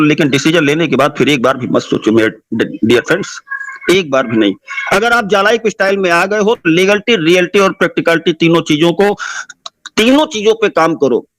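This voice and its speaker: Man, motivational speaker, impassioned and repetitive, high voice, dry close sound. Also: lively intonation, fairly quick, a bit bright, no echo. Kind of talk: motivational speech.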